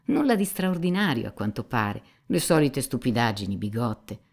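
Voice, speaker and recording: A woman's voice: very deep voice, sing-song, normal speed, a little mellow, full character voice. A woman voicing a cynical, gossipy young male seminarian who mocks and insinuates, in an audiobook reading. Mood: mocking. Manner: mocking, insinuating, talkative.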